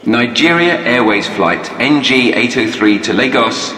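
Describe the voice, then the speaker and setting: A man reading out airport departure announcements in a measured, formal way. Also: mid-range voice, lively intonation, bright, forceful tone. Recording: echoey hall reverb.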